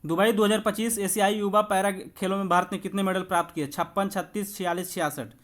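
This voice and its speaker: A man coaches exam students through a quiz walkthrough lesson, explaining each question instructively and speaking to viewers familiarly, as if they were friends. His voice sits high and fairly bright, steady in tone, and he talks fast.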